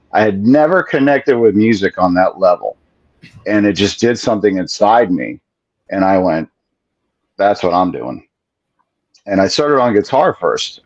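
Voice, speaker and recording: A man's voice: lowish voice, a little mellow, no room sound. Laid-back man on a dull video call. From Venezuela, raised in Florida. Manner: laid-back storytelling, swears freely. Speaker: guest drummer. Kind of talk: casual video call chat. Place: home room with ceiling fan. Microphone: video call webcam.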